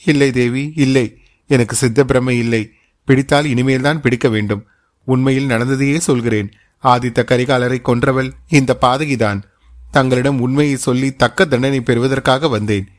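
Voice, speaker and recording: A man's voice: mid-range voice, fairly even intonation, moderate pace, close to an everyday voice. A man voicing a guilt-ridden young noblewoman, pleading in distress. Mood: insistent.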